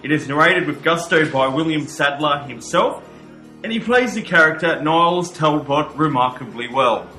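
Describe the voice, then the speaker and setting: A man presents a horror podcast as its commentator, with horror-host flourishes. His voice is bright and forceful at a medium pitch. The room echoes and music plays faintly behind him. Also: expressive, moderate pace.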